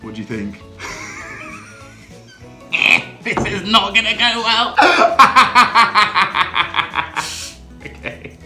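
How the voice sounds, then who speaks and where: Lively, bright-voiced young man hosting. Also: sits high, normal speed, soft background music. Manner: upbeat, chatty, laughs often. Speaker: drinks channel host. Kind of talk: casual vlog chat. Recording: echoey room.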